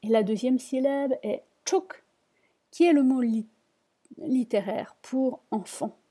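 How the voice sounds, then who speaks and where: Woman teacher going over words one by one, slow and patient, soft warm tone. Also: sits high. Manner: patient, repeats each word and explains it. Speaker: Tibetan reading teacher. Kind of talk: slow spoken lesson.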